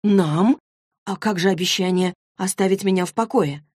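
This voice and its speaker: Audiobook character voice, woman doing a teenage girl, stubborn, sharp-tongued, emphatic, dry recording. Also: normal speed, breathy edge, dry recording. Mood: sarcastic, defiant. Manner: pitched higher than the narration, emphatic.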